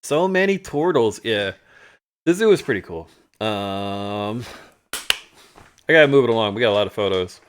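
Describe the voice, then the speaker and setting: Hosting a live storytelling show, a man casually and humorously tells stories over photos, chuckling often and acting out what people said in animated retellings. His voice is on the low side at a normal speed, with frequent pauses and a bit of hiss or hum.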